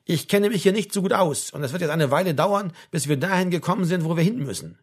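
A man playing a loud, bossy army sergeant major. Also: high voice, fast, slightly rough. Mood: subdued. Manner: barking, scolding commands. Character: loud blunt male sergeant major, bossy and short-tempered. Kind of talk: audiobook character voice.

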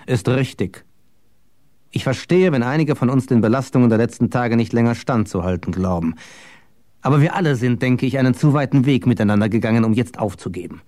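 A man's voice: dark tone, lightly acted. A man reading an audiobook, voicing a fervent, persuasive male conspirator who pleads with rising passion. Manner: impassioned, pleading, rising pitch.

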